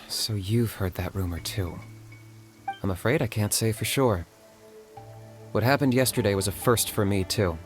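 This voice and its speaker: A reserved young hunter, played by a man, speaks in a low, steady voice with calm restraint. Soft game music plays faintly behind him. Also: natural voice. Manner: calm, measured, stoic.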